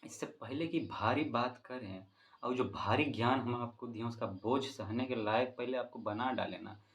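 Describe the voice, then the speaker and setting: Here a teacher with a Bihari accent keeps bursting into laughter as he tells his students a joke, addressing them directly in a light, informal tone. His medium-pitched voice is slightly bright and moves at an ordinary speed.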